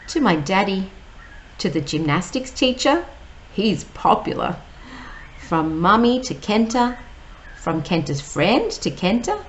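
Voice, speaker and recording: A woman teacher, reading a picture book aloud slowly and explaining each word. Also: on the low side, a little hiss or hum, rough recording. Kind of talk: read-aloud storytime.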